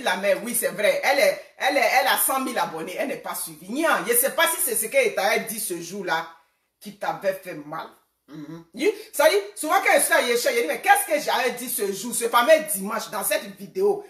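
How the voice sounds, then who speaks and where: A woman's voice: on the high side, a bit bright, roomy sound, distant mic. A woman in her forties speaking casually to another woman, retelling past exchanges and calling for reconciliation. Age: 40s. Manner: conversational, retelling quoted exchanges. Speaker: social media personality. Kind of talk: casual personal address to a rival.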